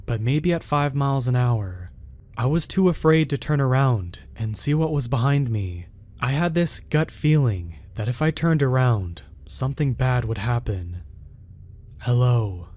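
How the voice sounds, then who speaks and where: A man telling a first-person horror story as steady, unhurried scripted narration. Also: medium pitch.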